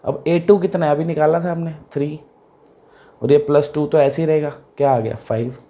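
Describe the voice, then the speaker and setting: A man's voice: a little high, steady tone, moderate pace, mellow. A man teaching a math lesson in a casual, conversational way, often asking students whether they follow. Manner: conversational, repeats questions to check understanding.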